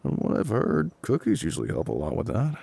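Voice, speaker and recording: Speaking directly to the listener in an intimate scripted audio roleplay, a man voices a gruff, calm fire captain with an exaggerated, lowish, husky and gravelly tone. He sounds measured and matter-of-fact, with a dry but reassuring mood.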